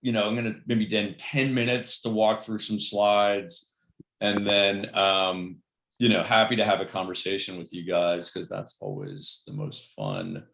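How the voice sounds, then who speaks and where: A man's voice: lowish voice, unhurried, creaky, a bit bright, reverberant. A man giving a casual, upbeat online presentation, talking with many fillers on a video call. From Cleveland, Ohio.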